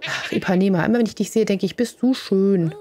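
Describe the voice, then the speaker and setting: A woman's voice: mid-range voice, fast talker, dark tone. A woman hosting a casual gaming let's play, chatting along as she plays and cooing fondly at the animals. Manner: coos fondly at her game animals.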